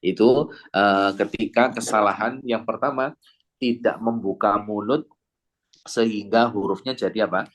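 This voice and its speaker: Man, teacher, classroom lesson, slow recited examples, asks questions. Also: lowish voice, fairly even intonation. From Indonesia. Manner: demonstrates sounds slowly, drawn-out recited examples. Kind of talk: classroom lesson with audience replies.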